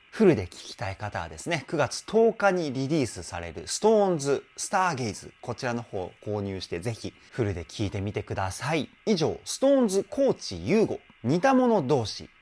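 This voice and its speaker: A young man, a vocal coach, chatting enthusiastically while reacting to and analysing a song, laughing often. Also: on the high side.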